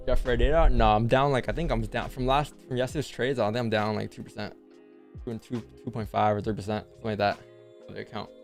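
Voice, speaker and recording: A man's voice: mid-range voice, fairly even intonation, fast. Guy chatting on a livestream, can't pronounce his r's, explains stuff by repeating himself, music in the back. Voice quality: speech impediment, unable to pronounce R's properly. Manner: instructing, rhetorical questions, repeats points. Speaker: live trading stream host. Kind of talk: livestream commentary and casual chat. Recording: music behind.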